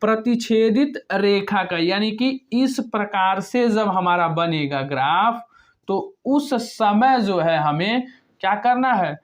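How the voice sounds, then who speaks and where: A math teacher working step by step through a problem, asking questions and answering them himself, with long pauses between words. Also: medium pitch, animated. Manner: asks and answers own questions. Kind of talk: step-by-step whiteboard lesson. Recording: dull lo-fi recording.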